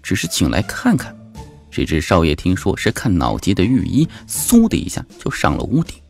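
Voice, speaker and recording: A man narrating an audiobook novel, lively and animated, lifting his voice for excited characters. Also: moderate pace, vocal fry. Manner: lively storyteller, jumps high for shouting characters. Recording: background music under the voice.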